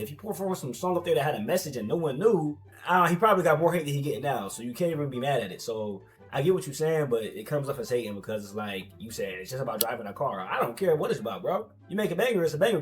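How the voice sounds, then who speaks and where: A young American man giving casual, slangy reaction commentary in an animated, argumentative, repetitive way. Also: on the high side. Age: young adult. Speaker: commentator reacting to social media posts.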